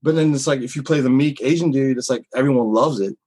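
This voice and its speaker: A man's voice: mid-range voice, fast, a little mellow, slightly rough, poor audio. A man who works as a comedian talks candidly in an interview, rambling with many fillers and restarts. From Philippines heritage. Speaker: comedian guest. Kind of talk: casual interview talk.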